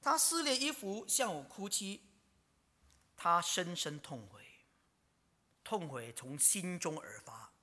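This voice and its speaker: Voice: medium pitch, expressive, slow, long pauses, pushed and bright. A preacher gives a dramatic sermon, full of rhetorical questions and sudden whispers. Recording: long reverb of a large hall.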